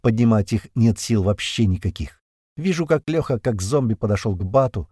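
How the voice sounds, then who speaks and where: Lively low-voiced male narrator. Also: moderate pace, dry recording, clean studio sound. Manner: lively, tense storytelling with swearing. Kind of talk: first-person audiobook narration.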